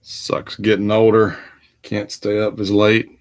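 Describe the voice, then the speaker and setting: A man's voice: lowish voice, monotone, unhurried. A tired middle-aged man, hosting a casual live card-break stream and rambling with lots of fillers and restarts. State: tired, yawning. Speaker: host of a group card break.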